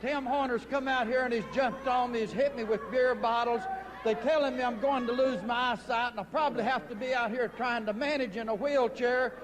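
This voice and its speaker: An older man, a wrestling manager cutting a whiny, self-pitying promo that swells into shouted preaching. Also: very high-pitched, steady tone, brisk, in a large hall, noisy background.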